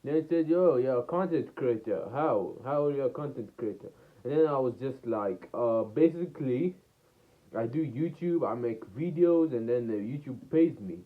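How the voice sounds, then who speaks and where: A man's voice: medium pitch, animated, moderate pace. A man casually telling a made-up storytime, rambling and repeating "and then I was like" as he goes. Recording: tinny phone-like sound.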